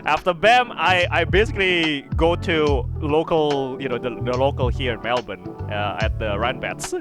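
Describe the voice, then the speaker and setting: A man's voice: on the high side, normal speed, over music. A man guesting on a podcast, chatting casually, laughing often and swearing freely, with lots of restarts as he tells his stories. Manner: stumbles and restarts when telling stories. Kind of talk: casual chat.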